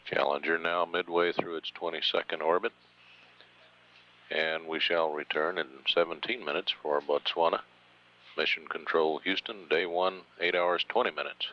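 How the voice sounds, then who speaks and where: A man giving formal, measured status commentary as a mission control radio announcer. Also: low voice, fairly even intonation. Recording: dull lo-fi feed with faint hum.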